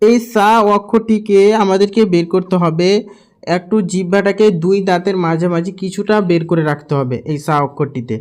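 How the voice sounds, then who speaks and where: A man's voice: sits high, a little mellow. A man teaching how to pronounce each Arabic letter, repeating each sound several times. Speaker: Quran recitation teacher. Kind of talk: slow instructional lesson.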